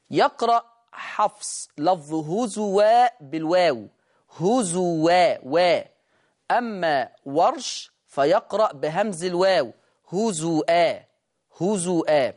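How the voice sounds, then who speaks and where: A Quran recitation teacher with an Egyptian accent, explaining quickly and then slowly drawing out each word to demonstrate how it is read. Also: mid-range voice. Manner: brisk explanation, slow drawn-out demonstration of words. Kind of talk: recitation lesson.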